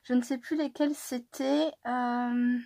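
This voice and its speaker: A woman chatting casually through a scrapbooking tutorial, excitable and tired, with many fillers and restarts. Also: high-pitched, unhurried, vocal fry, no echo, studio quality. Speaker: scrapbooking vlogger. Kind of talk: casual crafting tutorial chat.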